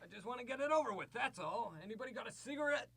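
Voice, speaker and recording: A man playing a jittery young navy lieutenant on a spaceship in a student radio drama, giving brisk reports. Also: very high voice, lively intonation, fairly bright tone, dry recording, heavily acted. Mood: edgy. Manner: brisk crisp reports, edgy.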